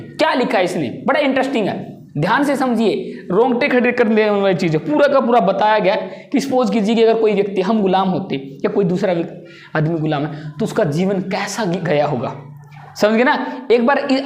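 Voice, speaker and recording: A woman's voice: mid-range voice, a little mellow. A woman teaching a general knowledge lesson, asking a question and then answering it herself, and repeating key points. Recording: echoey room.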